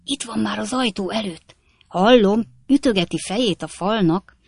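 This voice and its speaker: A woman voicing a young man who talks in a hushed, stifled way. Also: medium pitch, creaky, husky, dry recording, clean studio sound. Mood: stifling laughter. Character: young man holding back laughter.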